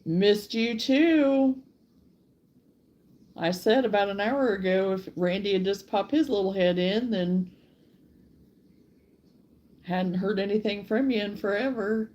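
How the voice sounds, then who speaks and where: A middle-aged woman hosts a casual live crochet stream from her rural home, chatting and drawing out her greetings to commenters. Her mid-range voice is a little mellow, and the audio sounds dull.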